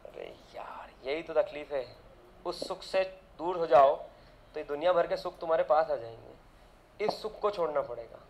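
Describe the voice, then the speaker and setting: A man's voice: fairly high pitch, normal speed, darkish tone, rough recording. A man teaching physics in a casual lecture, drifting into chatty side rants and firing rhetorical questions at his students.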